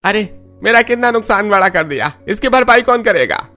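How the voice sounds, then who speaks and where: A man voicing a grumbling male shopkeeper in a cartoon story, loud and complaining. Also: high voice, lively intonation, moderate pace, soft background music, voice pushed up. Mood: indignant.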